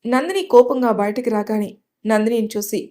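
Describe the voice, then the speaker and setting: A woman storyteller giving a calm, scripted narration of a love story. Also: fairly high pitch, moderate pace.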